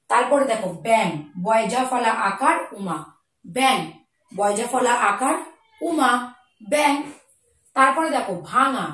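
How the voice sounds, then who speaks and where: Woman teacher, fairly high voice, spells words out slowly for kids, echoey room, sits back from the mic. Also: a bit bright, recorded from a distance. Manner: spells words out slowly, explains each to children. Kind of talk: children's Bengali spelling lesson.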